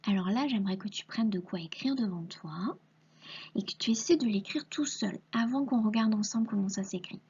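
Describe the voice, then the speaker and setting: A woman teacher giving a recorded reading lesson to a young child, patiently sounding out syllables and letters and often dropping to a soft half-whisper. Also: medium pitch, brisk, breathy edge, highs cut off.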